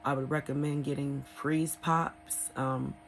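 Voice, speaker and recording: A woman talking casually and candidly in an unscripted personal vlog, rambling a little with hesitant pauses. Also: extremely low pitch, level tone, a little hiss or hum, poor audio. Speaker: vlogger sharing a recovery experience.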